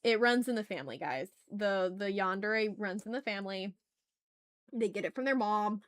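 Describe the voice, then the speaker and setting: A woman speaking at medium pitch and a moderate pace hosts a casual drawing livestream. While she works, she thinks aloud and chats with viewers, her language informal, slangy, and effusive.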